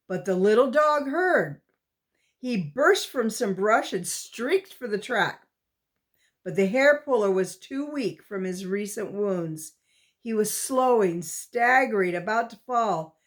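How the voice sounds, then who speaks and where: A woman reading a chapter book aloud as storyteller, in a slow and steady way. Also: medium pitch.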